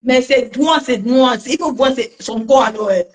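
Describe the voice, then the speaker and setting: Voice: mid-range voice, normal speed. A casual speaker gossiping and teasing, often laughing while telling about someone else. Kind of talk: casual chat.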